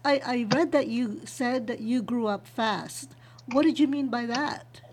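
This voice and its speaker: A woman hosting a podcast reads a guest introduction smoothly, then asks questions peppered with ums. Her voice is on the high side with a darkish tone and a slightly slow pace, and there is slight background noise.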